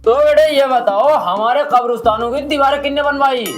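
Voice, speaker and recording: A man plays a boastful, foul-mouthed uncle in a village comedy sketch. He speaks in a fairly high voice and keeps up a steady stream of crude mockery. Soft music plays underneath. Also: brisk. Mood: mocking. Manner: mocking, crude, theatrical scolding.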